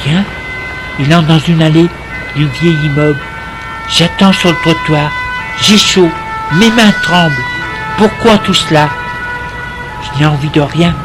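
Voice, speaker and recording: A man reading a first-person story aloud in a slow, intimate, tense way. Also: fairly high pitch, over music.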